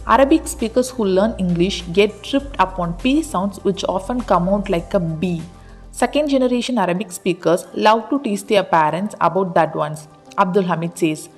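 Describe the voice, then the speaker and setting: A woman narrating a pronunciation explainer in an even, read-aloud delivery. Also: mid-range voice, normal speed, soft background music. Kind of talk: scripted narration of an article.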